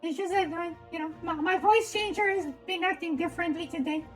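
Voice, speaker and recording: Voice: very high-pitched, fairly quick. A streamer heard through a voice changer, chatting casually and giggling while greeting viewers by name. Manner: giggly, greets chat by name, frequent laughs. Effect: voice changer, acting oddly today. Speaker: streamer playing and reacting. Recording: faint game music behind.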